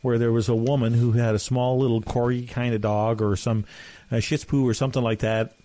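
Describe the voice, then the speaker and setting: Plain-spoken podcast host. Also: male voice, medium pitch, flat delivery, fairly quick, dark tone. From Canada. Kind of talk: casual talk-show commentary.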